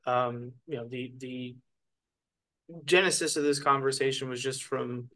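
A man on the council speaking in a measured, polite way at a town meeting. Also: medium pitch, fairly even intonation, fairly bright tone, rough recording. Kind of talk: public meeting discussion.

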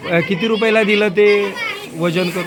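A male school teacher touring an outdoor school market, briskly coaxing children with quick prompts. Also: high-pitched, fairly even intonation. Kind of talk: walking tour of a school market stall by stall. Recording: noisy crowd of children outdoors.

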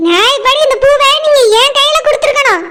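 A voice actor doing a jealous middle-aged village wife in a cartoon, scolding in a piercing, very high voice with a Tirunelveli Tamil accent. The recording carries a steady background hiss. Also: a little fast, heavily acted. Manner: shrill, scolding and bitter.

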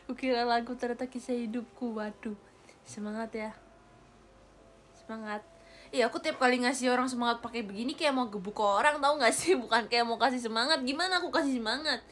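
A woman's voice: a little high, brisk, fairly bright tone, slight background noise. A young Indonesian woman chatting playfully on a livestream, giggling often as she reads comments. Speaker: idol live streamer. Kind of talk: casual chat reading viewer comments. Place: indoor room, air-conditioned. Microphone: phone or webcam livestream.

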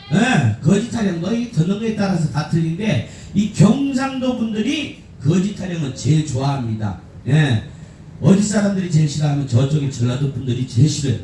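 A man's voice: fairly high pitch, darkish tone, slight background noise. A man from Gangwon Province leading a street performance troupe, joking crudely with the crowd in outdoor stage banter. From Gangwon Province, Korea. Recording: echoey outdoor sound, far from the mic.

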